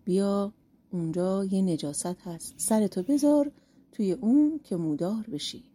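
A woman voicing a sly, glib bald young man who tricks people, read in a storybook with a dark, husky voice. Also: medium pitch, lightly acted. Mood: scheming. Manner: cheeky, glib, scheming. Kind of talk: storybook narration.

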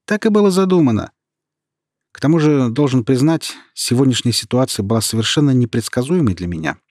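A man's voice: medium pitch, animated, a little fast, darkish tone, no room sound, studio quality, pitched above the performer's own voice, lightly acted. A man voicing an easygoing young man who speaks lightly and jokes, in an audiobook. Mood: reassuring. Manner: light, joking. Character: young man, easygoing, joking office worker. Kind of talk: audiobook character reading.

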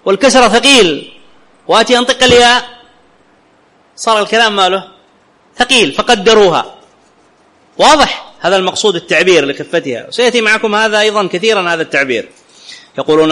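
A man teaching an Arabic grammar lesson, often asking his students whether it is clear and reciting quotations slowly. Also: on the high side, bright, forceful tone. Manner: questions students often, checks understanding; clears his throat now and then.

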